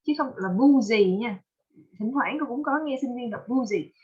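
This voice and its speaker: A woman teaching English pronunciation with a Vietnamese accent, patiently drilling words and repeating them slowly. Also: fairly high pitch, husky, lo-fi sound. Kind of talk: online pronunciation lesson.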